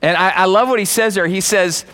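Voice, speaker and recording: High-voiced man preaching a casual sermon. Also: a little fast, fairly bright tone. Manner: conversational, asks the congregation questions; repeats words and restarts often. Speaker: pastor.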